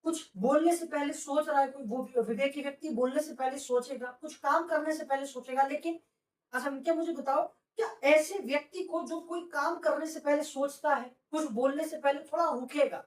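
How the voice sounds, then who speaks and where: A woman's voice: high-pitched, distant mic. A woman teaching vocabulary to a class, repeating words as drills and asking rhetorical questions. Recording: echoey room, voice off-mic.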